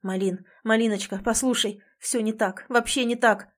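A woman's voice: a little high, fairly even intonation, normal speed, natural voice. A woman reading an audiobook and voicing a young man who insists and pleads heatedly with his girlfriend. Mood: heated, pleading.

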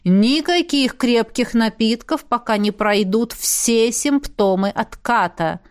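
A woman voicing a stern, dry-witted female demoness who heads a magic academy, speaking slowly and reproachfully. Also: on the high side.

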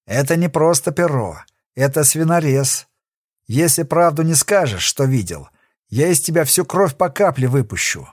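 A man's voice: a little high, expressive, moderate pace, no room sound, studio quality. A man voicing a brutal, cruel male convict boss who threatens his victim in an audiobook. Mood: menacing. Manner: menacing, threatening.

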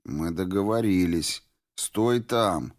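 A low-voiced, worn-out deserter speaks in short, grim phrases, as a reader plays him. He sounds tired and flat. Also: takes it slowly. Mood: weary. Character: weary, grim male deserter from the zone.

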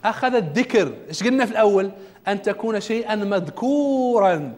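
Male trainer, high voice and brisk delivery, quizzing his class. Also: lively intonation, darkish tone. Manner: asks the audience questions; religious quotations in the talk. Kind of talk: self-development lecture to a class.

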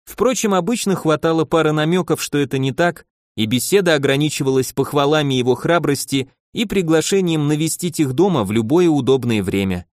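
A man's voice: on the high side, lively intonation, a little fast, hardly any pauses, no echo, clean studio sound. Man narrating an audiobook. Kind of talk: scripted narration.

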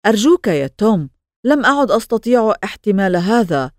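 A woman's voice: medium pitch, sing-song, brisk, darkish tone, no room sound, clean studio sound, lightly acted. Audiobook: torn, distressed young wife, shaky pleading tone, woman narrator voices her.

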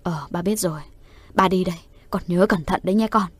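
Woman voicing a hushed, hurried old grandfather. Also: fairly low pitch, husky, no echo. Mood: urgent. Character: frightened grandfather, older man, gruff. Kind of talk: storytelling voice acting.

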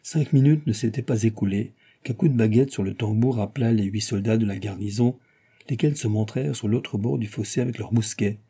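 A man reads a novel aloud in a dark, mellow voice with a husky edge. His narration is lively, and he lifts his voice sharply whenever characters shout. The tone stays low and warm throughout. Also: brisk. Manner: lively reading, raising his voice for shouted lines. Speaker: audiobook reader. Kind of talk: scripted narration.

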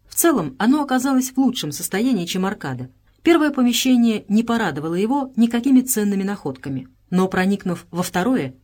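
Woman narrating an audiobook, measured. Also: medium pitch. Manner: measured, even storytelling delivery. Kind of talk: scripted narration.

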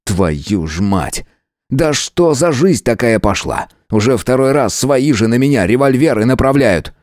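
A man's voice: mid-range voice, expressive, normal speed, a little mellow, no room sound, clean studio sound, voice pushed up, natural voice. A man voicing a hot-tempered male detective who curses and presses his partner. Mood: angry. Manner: gruff and cursing.

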